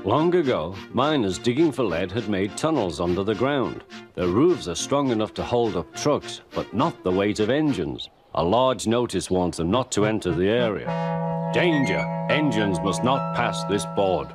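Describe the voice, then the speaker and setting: Guy reading a kids' train story, lively sing-song voice, music under it. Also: on the low side, moderate pace. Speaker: narrator. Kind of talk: storybook narration.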